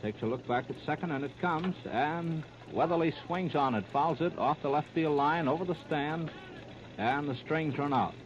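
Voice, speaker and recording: A slightly high-voiced American man calls baseball play-by-play at a moderate pace in the clipped, running style of 1930s radio. The recording, from a 1939 radio disc, is muffled and very noisy.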